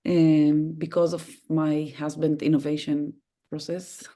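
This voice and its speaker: A woman's voice: low voice, little pitch movement, unhurried, dark tone. A woman from Israel introducing herself in an online class over a video call, hesitant and searching for words. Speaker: student.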